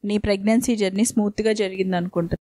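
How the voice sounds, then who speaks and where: A woman's voice: mid-range voice, fairly even intonation, fast, dark tone, dry recording. A woman interviewing a patient with leading questions.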